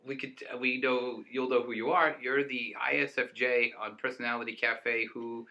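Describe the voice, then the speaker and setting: Bright-voiced enthusiastic man chatting. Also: mid-range voice, flat delivery, moderate pace, muffled recording. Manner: rambling, enthusiastic, laughs often. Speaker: co-host. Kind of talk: casual chat.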